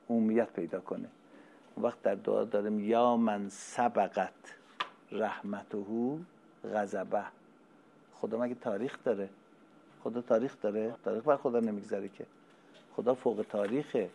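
A man preaching a religious sermon, moving from soft, low explanation to loud, emphatic recitation, building repeated lists of phrases and explaining terms word by word. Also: creaky, slight background noise.

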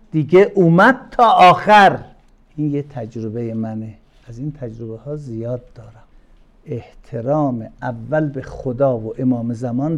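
An older man gives an informal religious talk to a class, warmly telling personal stories and stressing points by slowing down, stretching key words, and suddenly getting loud. His voice is medium-pitched, and the audio sounds dull.

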